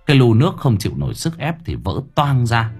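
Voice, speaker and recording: Husky lively male storyteller. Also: medium pitch, fairly quick, faint music behind. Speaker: audiobook narrator. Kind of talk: comic story narration.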